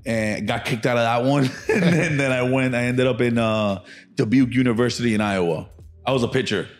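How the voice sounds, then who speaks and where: A man's voice: mid-range voice, a little fast, soft background music. A man in his thirties from Miami, a comedian guest chatting loosely with lots of slang and swearing on a podcast. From Miami, USA. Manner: loose, profane, slangy banter. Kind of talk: casual podcast chat.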